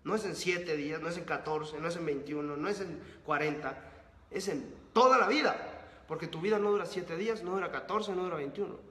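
A man with a high voice delivers an emphatic motivational talk to his audience, stacking rhetorical questions and repeated phrases. His voice carries a roomy echo with a long reverb tail. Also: brisk, fairly bright tone. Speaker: host of a book-summary channel. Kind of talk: motivational monologue to camera.

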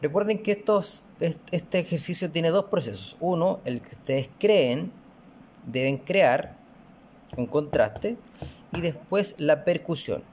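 A man's voice: on the high side, expressive, slow, a little mellow, a little hiss or hum. A male music teacher, patiently explaining rhythms and counting them aloud in a recorded lesson.

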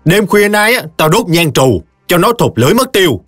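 Using a full character voice pushed up high, a man plays a foul-mouthed old village woman with a Mekong Delta Vietnamese accent. He is very animated and a little fast, screeching and screaming curses in long rants. The close, dry studio recording has soft music behind it.

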